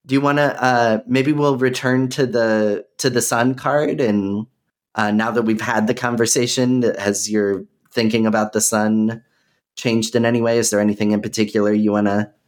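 A man hosting a podcast over a video call, talking in a relaxed, hesitant way with many fillers. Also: on the low side, normal speed. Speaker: podcast host. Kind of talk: casual conversation.

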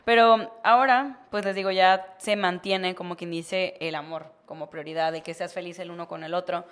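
A woman's voice: fairly low pitch, fairly even intonation, normal speed, fairly bright tone. A woman from Mazatlán with a Mexican accent hosting a podcast, explaining things in casual, slangy chat. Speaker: podcast host.

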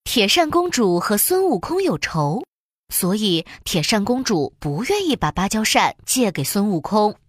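A woman narrating a children's storybook in an expressive, sing-song storytelling way. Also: mid-range voice, unhurried, breathy edge, no echo, studio quality.

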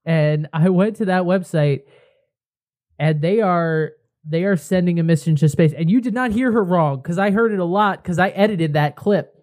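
A man's voice: high-pitched, moderate pace, darkish tone. Rambling tipsy man co-hosting. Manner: rambling, jokey, many fillers. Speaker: podcast co-host. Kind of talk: casual chat.

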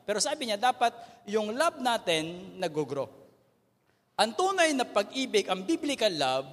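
Lively high-voiced teacher. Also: male voice. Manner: animated, asks the audience "okay?" again and again. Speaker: Bible teacher. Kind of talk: Taglish Bible lesson to a youth group. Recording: long reverb of a hall.

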